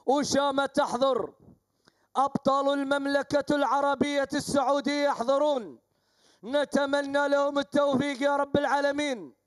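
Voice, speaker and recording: A man with a Gulf Arabic accent giving live commentary on a falcon race, chanting names and exclamations over and over. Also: very high-pitched.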